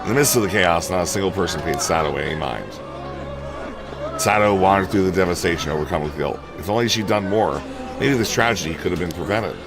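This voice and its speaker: A man's voice: low-pitched, a little fast, creaky, crowd noise. A man streaming a game playthrough, reading the story text aloud with casual, sweary asides. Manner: casual asides with swearing between read lines. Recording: game music playing behind.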